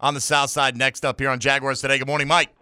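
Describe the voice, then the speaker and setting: A man's voice: medium pitch, flat delivery, fast talker, noisy background. An American man hosting a sports call-in radio show, exuberant and emphatic in an informal way. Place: radio studio. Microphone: close studio microphone.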